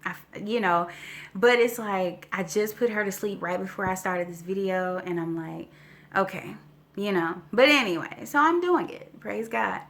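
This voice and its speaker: A woman's voice: medium pitch, moderate pace, creaky, fairly bright tone. A woman in her forties chatting casually to her viewers in a storytelling vlog, slightly winded and often checking in with "okay?" and "you know". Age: 40s. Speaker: vlogger.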